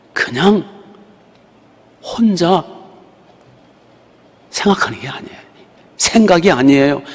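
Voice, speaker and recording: A male pastor preaching a sermon with emotional, dramatic delivery and sudden loud outbursts. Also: fairly high pitch, husky. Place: church sanctuary. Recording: reverberant church hall.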